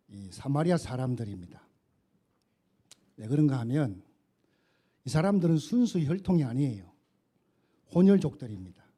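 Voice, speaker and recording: A man's voice: fairly high pitch, warm tone. A male pastor preaching a sermon in a church, retelling scripture as a story with acted dialogue.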